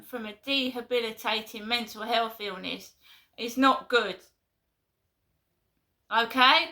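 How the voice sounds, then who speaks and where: Woman with a London accent, fed-up vlogger, slightly high, sharp forceful tone. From London, England. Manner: exasperated, repeats herself, talks in short bursts. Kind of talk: casual venting vlog.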